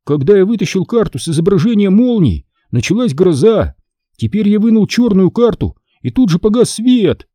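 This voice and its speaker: A man doing a jittery boy who stammers and blurts in a raised, lively voice. The timbre stays dark and husky, recorded close and dry. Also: high-pitched, moderate pace, dry recording, voice pushed up. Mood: anxious. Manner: stammering, excited. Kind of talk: audiobook character voice.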